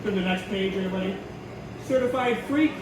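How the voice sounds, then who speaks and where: A man's voice: high voice, quick pace, lightly acted. A male stand-up comedian acting out an elementary teacher at storytime, singsong, instructive and mock-innocent while being crude. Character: elementary teacher reading storytime, sugary yet crudely inappropriate. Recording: very echoey venue, distant mic, loud crowd, noise.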